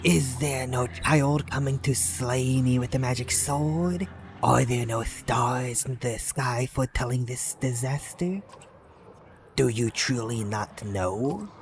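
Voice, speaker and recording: A man voicing an ancient monumental serpent that speaks slowly and menacingly. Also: mid-range voice, a little hiss or hum. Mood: ominous. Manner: slow, drawn-out, ominous delivery.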